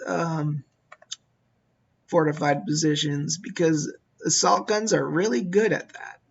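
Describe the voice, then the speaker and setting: Slow-talking man musing over a game. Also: fairly high pitch, creaky, muffled recording. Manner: slow, musing, talks to his units. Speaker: gameplay commentator. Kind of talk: casual strategy game commentary.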